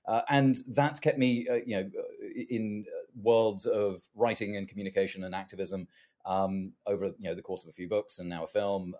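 Man, deep mellow voice, from London, animated, keeps restarting, interview guest. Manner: animated, many restarts and stammers. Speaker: author and activist. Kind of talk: interview conversation.

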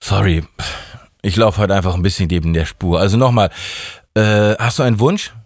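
A man's voice: lowish voice, normal speed, dry recording, natural voice. Man reading as a sloppy, careless God from a spoken story, casual and flustered, slightly raised voice, dry close sound. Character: laid-back slangy male God, sloppy and careless.

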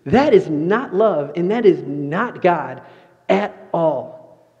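Young man, pastor type, animated sermon delivery, warm tone, slightly dull sound. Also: fairly high pitch, slow. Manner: animated storytelling. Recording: muffled sound, long reverb of a large room.

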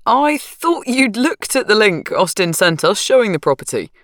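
A woman's voice: mid-range voice, big pitch swings, normal speed, no room sound, studio quality, voice pushed up, natural voice. A woman doing a laid-back husband. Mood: calm. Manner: easy, soothing, affectionate.

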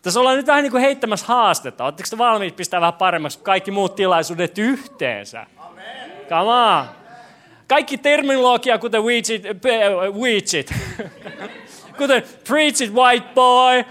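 A man's voice: very high voice, expressive, fairly bright tone. A young man preaching a sermon to a congregation, joking, asking questions and stumbling over his words. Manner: joking, self-deprecating, stammers and restarts. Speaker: pastor. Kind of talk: lively sermon with audience questions. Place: church hall with congregation.

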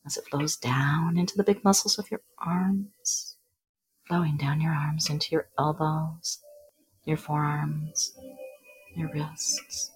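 A woman guiding a hypnosis induction in a soft, breathy voice, often slipping into a whisper. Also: deep voice, rough recording.

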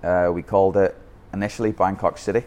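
This fast talker has a low, flat, slightly mellow voice and a Northern Irish accent. Founder of a youth football academy in Bangkok, he's interviewed on a podcast and relates his coaching story candidly, often restarting his sentences.

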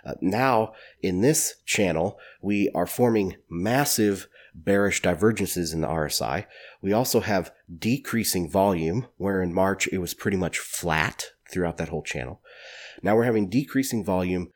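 A man's voice: sits low, moderate pace. A man with a stuffy, congested nose hosting a solo market commentary podcast in an informal, opinionated way. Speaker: podcast host.

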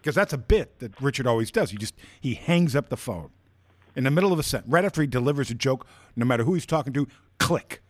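Lively storytelling man co-host. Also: medium pitch, fast talker, no room sound. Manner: animated storyteller, acts out the quotes. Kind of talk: casual podcast storytelling.

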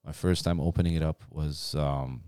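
A very low-pitched man talks loosely through a long everyday story on a podcast. He rambles and swears now and then. The sound is dry and close. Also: fairly even intonation, normal speed, dark tone, clean tone, no room sound. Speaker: podcast co-host. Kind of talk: casual chat.

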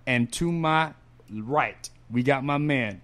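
A man's voice: mid-range voice, slow, fairly bright tone. A man hosting a casual roundtable podcast, introducing his co-hosts with slangy hype nicknames. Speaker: podcast host.

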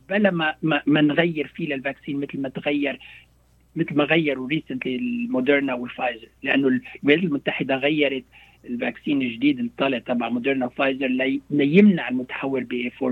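A man with a Lebanese Arabic accent speaks quickly in a husky, slightly high voice. He explains like a doctor on the radio, repeating himself and mixing in English terms. The sound is thin and phone-like. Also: no echo. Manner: halting, repeats words, mixes in English terms. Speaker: doctor interviewed as guest.

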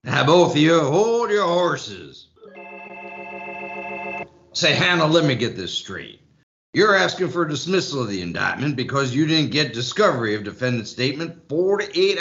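A stern old country judge lays down the law in a slow drawl, as a man acts him out. His voice is forceful and bright, rising and falling in a lively way. The audio is muffled and lo-fi. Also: a little high. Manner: country drawl, lecturing, bossy. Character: folksy stern rural male judge, older.

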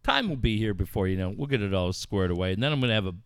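A man's voice: lowish voice, animated, rapid-fire, clean tone, no room sound. A middle-aged man from Southern California hosting talk radio, rambling and swearing in casual banter. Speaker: radio show host.

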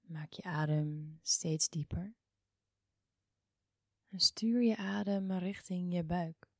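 Slow, hushed woman guiding relaxation. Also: fairly low pitch, dry recording, studio quality. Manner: slow, soothing, with long pauses. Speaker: yoga and meditation guide. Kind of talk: guided relaxation meditation.

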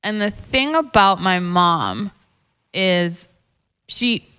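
A woman's voice: medium pitch, animated, extremely slow, pushed and bright, clear, resonant tone. A woman, a dating coach, chatting as an interview guest in a thoughtful way, often repeating words and laughing easily. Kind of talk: casual interview chat. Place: lives in New York.

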